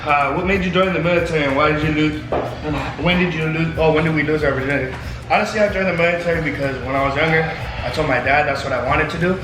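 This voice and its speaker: A man's voice: fairly high pitch, quick pace, background noise. A young man bantering crudely with friends as he hosts a casual Q&A, swearing freely. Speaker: vlog host taking part in a Q&A. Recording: echoey room with loud music underneath. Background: music.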